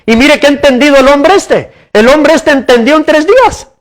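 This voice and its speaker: A man's voice: extremely high pitch, lively intonation, moderate pace. A male pastor preaching a sermon in a church, asking the congregation questions and repeating words as he goes.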